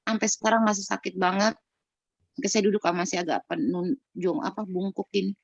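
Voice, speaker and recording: A woman's voice: mid-range voice, a little fast, gravelly, dry recording. A middle-aged woman on a video call, candidly telling a personal story in an earnest, conversational way, often restarting her sentences. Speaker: participant sharing a personal story. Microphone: video call microphone. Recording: dull lo-fi video call audio.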